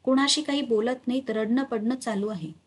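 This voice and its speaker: Storybook role: panicked servant woman, urgent, voiced by a woman, slightly high. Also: slightly rough. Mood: alarmed. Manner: hurried, alarmed reporting. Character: frightened female servant, urgent.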